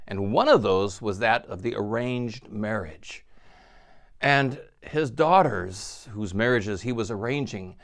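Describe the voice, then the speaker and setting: Male priest, reflective homily, storytelling with a very lively, swinging pitch. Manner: animated storytelling, acts out quotes.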